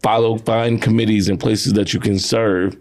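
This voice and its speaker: Low gravelly male interview host. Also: flat delivery, normal speed, a little mellow. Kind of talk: interview questions.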